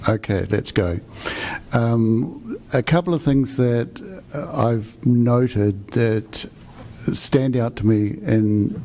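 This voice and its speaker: An older man with a New Zealand accent addresses a budget committee, rambling a little and joking at his own expense. His voice sits low and gravelly, with a dark, mellow tone. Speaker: asset management coordinator. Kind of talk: presenting at a budget meeting. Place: council meeting room. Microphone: desk microphone.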